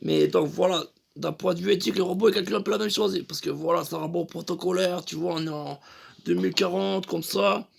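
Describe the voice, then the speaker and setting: A man's voice: sits high, fairly even intonation, fairly quick, vocal fry, slightly rough. A young man telling a crude, rambling comic story full of fillers. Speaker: comedian.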